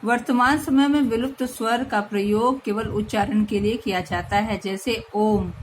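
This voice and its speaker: A woman teacher giving a slow grammar lesson to young children, patiently spelling out each sound. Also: on the high side, steady tone, slight background noise, low-quality recording.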